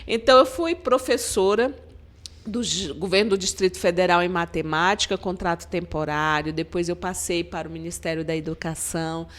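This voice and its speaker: A woman's voice: lowish voice, moderate pace. Earnest woman from Maranhão, Brazil. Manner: earnest, storytelling, frequent "né?" tags. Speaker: guest, government agency head. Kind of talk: podcast interview.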